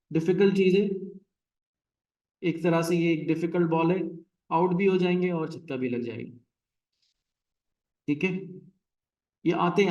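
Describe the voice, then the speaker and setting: A male teacher gives a classroom lecture, counting out syllables and stresses as he explains. His voice sits somewhat high for a man. He is recorded from a distance in an echoey room. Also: darkish tone, lo-fi sound.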